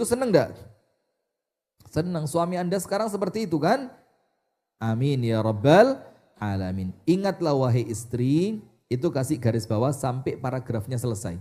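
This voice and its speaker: Animated Indonesian-preacher, mellow voice. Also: male voice, sits high. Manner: animated, asks the audience questions and answers them. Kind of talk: sermon.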